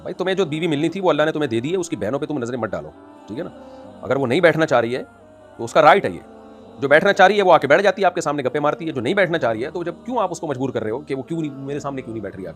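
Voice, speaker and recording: A man as an Islamic scholar answering audience questions in an emphatic, scolding way that rises into forceful outbursts. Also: a little high, animated, soft background music. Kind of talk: religious question-and-answer talk.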